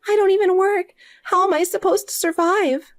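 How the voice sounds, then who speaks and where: Whiny, desperate older sister, high-pitched and pleading, as a woman reads her. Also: steady tone, moderate pace. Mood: self-pitying.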